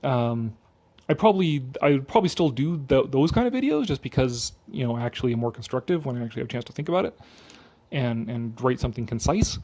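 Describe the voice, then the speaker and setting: Fast-paced and expressive, a man with a medium-pitched, darkish voice gives exasperated video commentary on the fly. Tipsy from drinking, he's sarcastic and emphatic, swearing without restraint.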